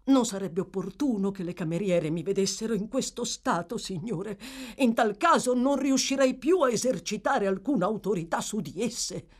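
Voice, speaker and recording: A woman's voice: mid-range voice, lively intonation, normal speed, pitched above the performer's own voice, lightly acted. A woman reading an audiobook, voicing an emotional, fussy older manservant with formal manners. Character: fussy old male servant, emotional, self-important.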